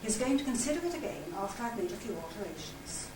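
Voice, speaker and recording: An older woman with a mid-range, sing-song voice works through a scripted literary presentation at a quick pace, reading narration, letters and diary entries. She's presenting at a literary society conference, and the hall recording is echoey, distant-miked and loud with noise.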